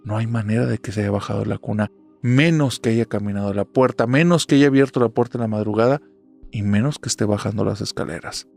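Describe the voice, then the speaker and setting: A man's voice: on the low side, quick pace, vocal fry, a little mellow. A man narrating a horror story in a suspenseful, dramatic telling. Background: faint music.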